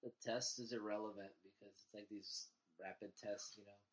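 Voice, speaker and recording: A man's voice: fairly low pitch, fairly even intonation, moderate pace, rough recording. Chatty man with the flu, laughing. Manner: chatty, laughs often, sarcastic. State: has the flu. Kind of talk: casual chat.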